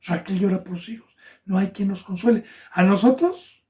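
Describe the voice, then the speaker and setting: Impassioned preacher with a mellow voice. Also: male voice, high-pitched, normal speed. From Mexico. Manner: impassioned preaching, swells loud on quoted scripture then drops to near-whisper. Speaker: pastor. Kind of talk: sermon.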